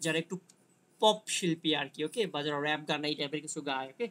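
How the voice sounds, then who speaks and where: A man giving an online linguistics lecture who explains slowly, reads English passages aloud and answers students by name. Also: on the high side, a bit bright. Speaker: teacher.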